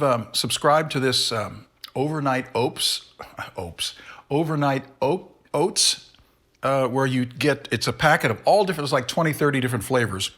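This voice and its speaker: A middle-aged man hosts a relaxed candy review on his own, wandering off topic and stopping to correct himself. His voice is husky and a little breathy, and it sits at an ordinary pitch for a man. He chews and talks at the same time. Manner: rambling, self-correcting, talks while chewing. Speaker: candy reviewer, show host. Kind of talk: casual solo review.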